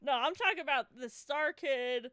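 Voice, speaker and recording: A woman's voice: high voice, normal speed, dry recording, clean studio sound. A woman hosting a podcast, chatting casually, telling stories with lots of laughter and swearing. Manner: laughs often, swears freely, animated storytelling. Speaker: podcast host. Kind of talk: casual chat.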